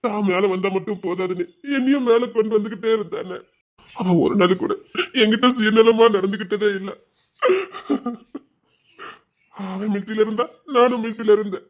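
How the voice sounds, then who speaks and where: A tearful devoted younger brother. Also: male voice, high-pitched, fairly bright tone. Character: devoted young man grieving for his brother. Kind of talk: emotional TV serial acting.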